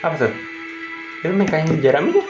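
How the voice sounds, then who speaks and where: A man's voice: a little high, wildly swooping pitch, fast talker, highs cut off. A young Indonesian man giving casual, chatty reaction commentary in colloquial slang with bits of English. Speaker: reaction video host. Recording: roomy echo with music behind. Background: show music playing.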